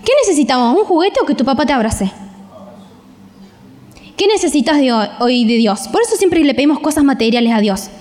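A woman with a Rioplatense Spanish accent preaching a sermon in a lively, conversational way, often acting out the voices of parents. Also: high voice, fairly quick, long reverb tail.

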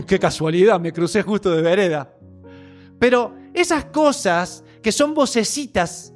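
A man's voice: extremely high pitch, a bit bright. A man with a Rioplatense Spanish accent preaching a sermon in an earnest, repetitive, story-driven way.

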